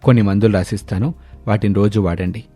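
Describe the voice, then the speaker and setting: A man voicing a calm, matter-of-fact middle-aged doctor. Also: lowish voice, fast talker, husky, soft background music, pitched below the performer's own voice. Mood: grave.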